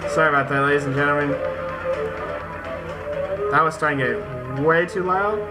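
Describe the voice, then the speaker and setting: Here a man with a fairly high pitch talks fairly quickly as he hosts a gaming video. His casual let's play swings between slangy commentary with informal asides and narrating a story aloud, backed by video game music.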